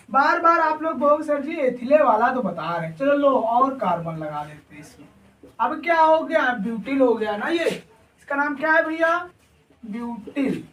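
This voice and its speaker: High-voiced male teacher in an echoey room. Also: fairly bright tone. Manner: asks rhetorical questions and answers them himself; checks in often with the class. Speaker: chemistry teacher. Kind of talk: classroom lecture at a whiteboard. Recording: echoey room, voice far from mic.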